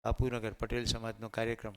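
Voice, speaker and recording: A teacher trainer with a Gujarati accent gives a motivational lecture to teachers, asking the room questions and answering them himself while mixing in Hindi and English terms. His voice is on the low side, monotone, creaky and resonant, delivered quickly and clearly.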